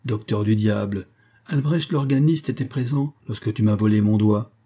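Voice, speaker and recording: A man's voice: on the low side, moderate pace, dark tone, lightly acted. A man reading a storybook, voicing a mad middle-aged male violinist who pleads and rages, urgent and raised. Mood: frantic.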